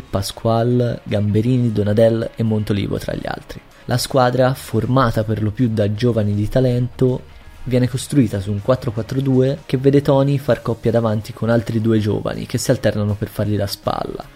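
A man narrating a scripted sports history podcast in measured, written-out sentences. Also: fairly low pitch, mellow. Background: faint music.

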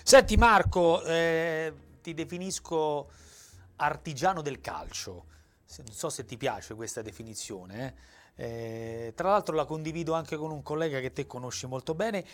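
A man hosting a football show, introducing his guest and asking questions in a lively, emphatic way. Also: fairly high pitch, a little slow. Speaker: sports show host. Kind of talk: interview.

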